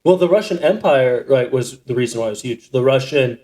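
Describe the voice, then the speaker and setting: A man's voice: mid-range voice, lively intonation, fairly quick, warm tone. A man co-hosting a casual podcast, thinking aloud with many fillers and restarts. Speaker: podcast co-host. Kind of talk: casual chat.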